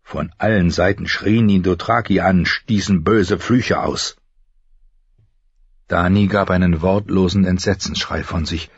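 Slow, husky male storyteller. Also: low voice, fairly even intonation, no room sound, lo-fi sound. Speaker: audiobook narrator. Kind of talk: scripted narration.

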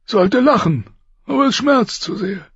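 A man voicing a dying, wounded king who speaks in a strained, pained way with loud outbursts. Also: sits high, expressive, unhurried, slightly rough, dry recording, dull audio, pitched above the performer's own voice, full character voice. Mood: weak, pained. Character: dying wounded male king, gruff and bitter. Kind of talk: audiobook character voice.

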